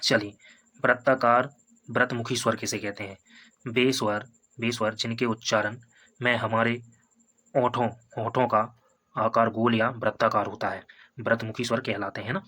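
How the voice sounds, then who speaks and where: A man teaching a Hindi grammar lesson for exam preparation. He repeats each point, sounds out vowels slowly as examples, and keeps checking in with "है ना" and "ठीक है". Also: medium pitch, a bit bright. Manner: repetitive, explains step by step with tags like "है ना" and "ठीक है".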